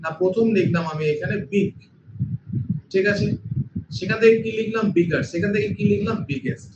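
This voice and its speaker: High-voiced man teaching grammar. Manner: patient, repeats points, asks the class questions. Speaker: English teacher. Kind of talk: grammar lesson. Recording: echoey room, dull lo-fi sound with noise.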